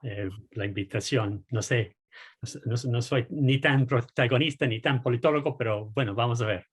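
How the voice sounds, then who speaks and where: Hesitant man in his sixties, husky. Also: mid-range voice, moderate pace. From United States. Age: 60s. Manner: hesitant, many repeated words and fillers. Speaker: guest political scientist. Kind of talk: casual interview answers.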